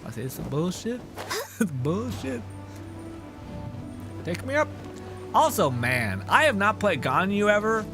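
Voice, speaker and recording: A young male game streamer with a high, very animated voice talks a little slowly, leaving long pauses. He gives casual, sweary, joking live gameplay commentary and chats with viewers while music plays in the background.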